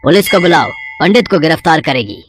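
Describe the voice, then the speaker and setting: A woman's voice: deep voice, lively intonation, a little fast, heavy background noise. A woman voicing a bossy middle-aged village headman in a cartoon story. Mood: harsh. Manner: bossy, commanding.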